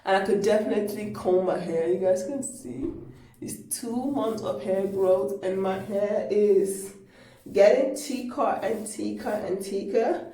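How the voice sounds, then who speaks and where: A woman talks casually to her viewers in a loose, rambling way, full of fillers and restarts. Her voice is soft and mellow. The sound is a low-quality phone stream that bounces around a small bathroom and is picked up from a distance. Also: measured pace, roomy sound. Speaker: hair care vlogger. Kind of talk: casual how-to vlog. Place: small echoey home bathroom. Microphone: mobile phone camera.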